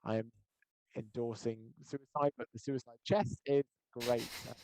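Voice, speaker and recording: A man chatting casually as co-host of a gaming stream, his online audio choppy, warbling and cutting out, delivered dry and offhand with pauses. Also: medium pitch, steady tone, mellow, slight background noise, poor audio. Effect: choppy online audio that keeps cutting out and warbling.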